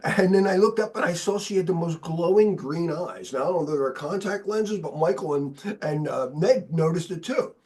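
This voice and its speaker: A man in his sixties hosting a casual video call chat, telling stories in an animated, blunt, sometimes profane way. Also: a little high, moderate pace, few pauses, breathy edge. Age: 60s. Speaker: host.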